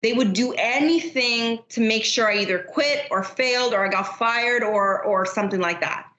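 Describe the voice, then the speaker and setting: A woman's voice: on the high side, normal speed, fairly bright tone, reverberant, lo-fi sound. A middle-aged woman, a business unit manager, speaking candidly and at length as a podcast guest. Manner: candid, talkative, many fillers like you know. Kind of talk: casual interview chat.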